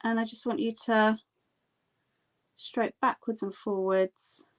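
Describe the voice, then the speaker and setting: Gentle woman teaching painting step by step. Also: on the high side, little pitch movement, takes it slowly. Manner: gentle, encouraging instructing. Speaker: art instructor. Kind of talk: casual step-by-step painting demonstration. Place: indoors at a tabletop.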